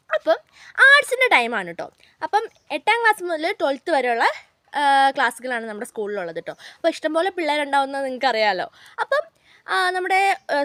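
A woman's voice: sits high, fairly bright tone, no echo. A young woman, chatting to her viewers as she tells a story from her school days on her vlog. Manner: chatty, keeps addressing viewers as guys. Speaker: vlogger.

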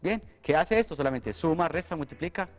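A man's voice: on the high side, fairly quick, long reverb tail, soft background music. A man, a math teacher, explaining a method step by step on a televised lesson. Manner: explanatory, steady, asks for agreement.

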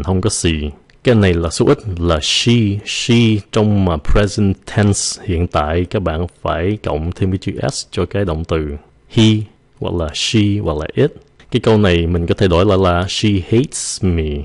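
Deep-voiced man teaching English vocabulary. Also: darkish tone. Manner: slow, drawn-out demonstration of English pronunciation; mixes English words into Vietnamese explanations. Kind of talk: vocabulary lesson.

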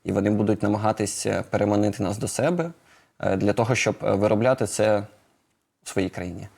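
A man's voice: lowish voice, steady tone, quick pace, vocal fry, a little mellow. A man answering questions as a studio guest in a live interview, hesitant with many filler sounds. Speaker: production head of a drone maker, guest.

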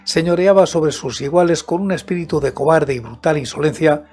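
A man in his seventies narrating a horror tale in a slow, deliberate, measured storytelling manner, close on a studio microphone. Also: fairly high pitch, darkish tone. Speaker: audiobook narrator and host of a horror story show. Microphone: close studio microphone with headset monitoring. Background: background music.

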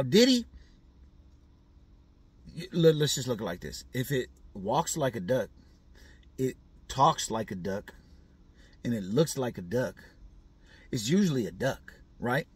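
A man's voice: a little high, breathy edge, dry recording. A man hosting a show, rambling through casual commentary with lots of fillers and slang, always checking in with "right?". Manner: asks the listener for agreement again and again. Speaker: show host. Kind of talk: casual commentary on celebrity news.

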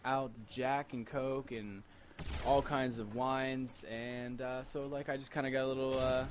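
A middle-pitched man gives casual gameplay commentary while tipsy from drink. He rambles and circles back over the same phrases. There is faint noise and ambience behind his voice. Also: flat delivery, measured pace. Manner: rambling, repeats himself. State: tipsy from alcohol. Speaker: gamer commentator.

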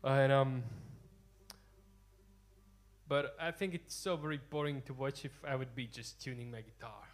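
A man's voice: medium pitch, steady tone, a little slow. A young Latvian man chatting with the audience between songs on a theater stage, hesitant and self-deprecating with many ums, into a stand mic. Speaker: singer-guitarist. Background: guitar.

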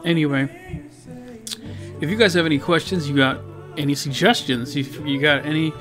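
The digital painter and video host speaks at normal speed in a slightly high, fairly bright voice. He rambles casually about his painting in the voice-over, using lots of fillers, restarting himself, and poking fun at himself, with guitar music underneath.

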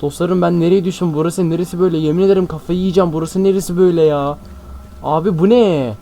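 A young man host commentating a game, excitable and jumpy, constantly talking to his viewers. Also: high voice, fast talker, a little hiss or hum. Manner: excitable, jumpy, keeps addressing viewers as friends. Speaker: gaming channel host. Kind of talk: Minecraft let's-play commentary. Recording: faint background music.

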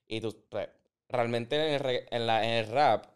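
A man hosting a podcast interview, talking in an animated, opinionated way and mixing in English words. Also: medium pitch, measured pace, clear, resonant tone. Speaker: podcast host. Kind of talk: casual interview.

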